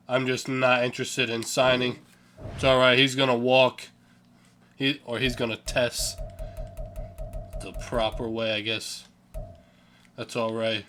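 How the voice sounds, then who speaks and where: A man's voice: mid-range voice, flat delivery, takes it slowly, pauses often, a bit bright, faint music behind. A young man giving casual, offhand commentary over a sports video game, yawning and sleepy, swearing now and then and stumbling over names. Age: young adult. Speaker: gaming channel host.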